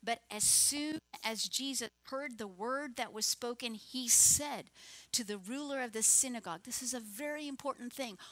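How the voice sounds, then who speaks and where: Slow, earnest woman preaching a sermon. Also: a little high, no echo. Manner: acts out the voices of the people in the story; swings between hushed, tender retelling and loud emphatic exhortation.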